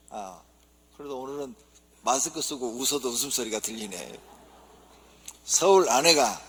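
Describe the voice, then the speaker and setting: A male pastor opening his sermon by telling jokes in a lively storytelling manner. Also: medium pitch, takes it slowly, pauses often, a little hiss or hum. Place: church sanctuary. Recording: long church reverb.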